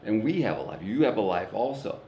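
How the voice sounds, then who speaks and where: A man's voice: fairly low pitch, sing-song, fairly quick, vocal fry, dark tone, lo-fi sound, slight background noise. A man from East St. Louis, Illinois, a guest comedian talking earnestly and plainly in a casual reflective conversation. He swears casually and repeats words while thinking. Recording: roomy echo.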